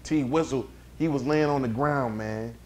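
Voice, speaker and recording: A man's voice: mid-range voice, unhurried, a little mellow, close to an everyday voice. A man playing a laid-back, slangy young neighbor in a comedy sketch interview. He rambles and stumbles over his words.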